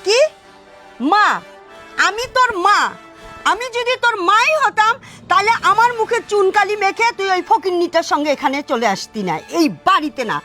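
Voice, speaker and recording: A woman's voice: very high-pitched, moderate pace, bright, forceful tone, faint music behind. A woman playing a proud, furious mother who insults and scolds her daughter in a domineering way.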